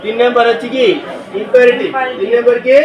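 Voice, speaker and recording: A man's voice: extremely high pitch, steady tone, fast talker, muffled recording, a crowd in the background. A male teacher leading a classroom lesson, questioning the class and spelling words letter by letter. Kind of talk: classroom lecture with call-and-response. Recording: echoey classroom from a distance.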